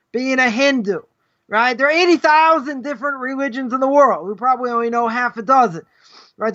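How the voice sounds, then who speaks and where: Middle-aged rabbi man teaching live, super high bright voice, keeps saying right?, muffled lo-fi sound. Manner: rambling, tags nearly every point with "right?"; argumentative, rhetorical questions. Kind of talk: live conversational Torah lesson. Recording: dull lo-fi livestream audio.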